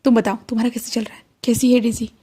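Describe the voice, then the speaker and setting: Brief: soft, hesitant young woman, regretful, mellow tone, read by the narrator. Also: a little high, level tone, quick pace, slightly rough.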